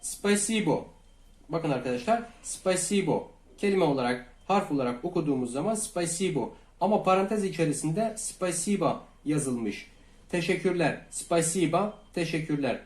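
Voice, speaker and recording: Calm man teaching in an echoey room. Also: on the high side, normal speed. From Turkey. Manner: calm, repeats each phrase twice, addresses viewers as friends. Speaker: language teacher. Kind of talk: slow Russian lesson for Turkish learners.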